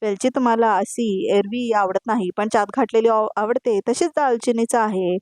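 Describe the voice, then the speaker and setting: A woman's voice: a little high, moderate pace, a little mellow, no room sound, close to an everyday voice. A woman voicing a cheerful, playful young husband in a serial recap, coaxing and chatty in a dry close sound. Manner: chatty, coaxing, mixes in English words.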